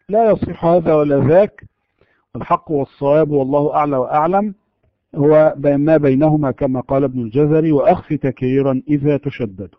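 A man teaching Quran recitation rules, explaining and slowly demonstrating letter sounds in a measured way. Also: a little high, no echo, dull audio. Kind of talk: tajweed lesson.

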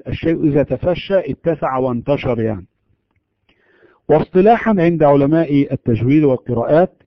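A man teaching Quran recitation rules, explaining and slowly demonstrating letter sounds in a measured way. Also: fairly high pitch, no echo, dull audio. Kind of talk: tajweed lesson.

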